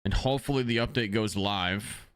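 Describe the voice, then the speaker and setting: A man's voice: on the low side, moderate pace, clear, resonant tone. A man chatting loosely to his viewers as a streamer, rambling with many ums, speaking into a desk microphone. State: has the hiccups. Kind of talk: casual livestream chat.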